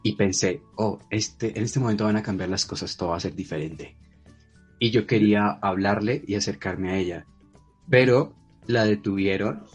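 A man's voice: lowish voice, normal speed, slightly rough, faint music behind. A man chatting casually, telling a story in a self-deprecating way. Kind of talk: casual chat.

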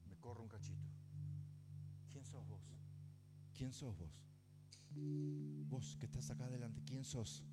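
A man with a Rioplatense accent preaching a sermon to his congregation, emphatic, with sudden rises and soft drops. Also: medium pitch, slow, long pauses, over loud music. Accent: Rioplatense Spanish. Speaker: pastor. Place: church before a congregation.

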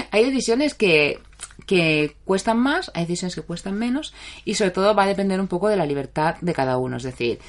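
A middle-aged woman with a Spain Spanish accent, a therapist giving blunt, chatty advice and answering viewers' comments by name on a casual live stream. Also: on the low side. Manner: chatty and blunt, reads out viewers' names, laughs often.

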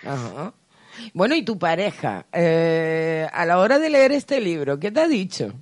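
A woman's voice: on the low side, sing-song, a little slow, a little mellow. A woman hosting a radio interview, asking chatty, curious questions. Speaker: radio host.

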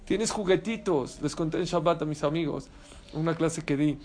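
Rabbi preaching, high voice for a man, lively, keeps quizzing the room. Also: normal speed. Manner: animated, emphatic, asks the audience questions. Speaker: rabbi teaching a Torah class. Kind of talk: sermon.

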